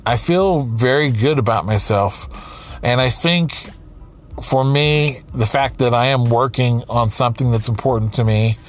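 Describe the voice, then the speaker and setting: A man of around forty, an aspiring writer, comedian and podcaster, delivers a reflective personal monologue. His mid-range voice comes out slowly and haltingly, with many pauses and restarts.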